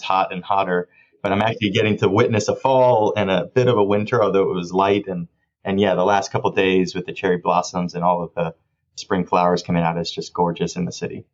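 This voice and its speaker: A man's voice: low-pitched, fairly even intonation, brisk, dull audio. A man from Florida answering interview questions in an enthusiastic, fluent way. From Miami, Florida. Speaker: guest, government official.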